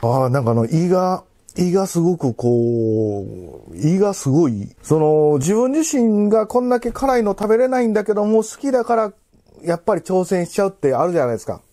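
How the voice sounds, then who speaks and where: High-pitched, animated man with a Kansai accent. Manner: halting, rambling, repeats phrases, labored from spicy food. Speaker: food vlogger. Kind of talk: casual chat while eating and drinking to camera. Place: living room at home.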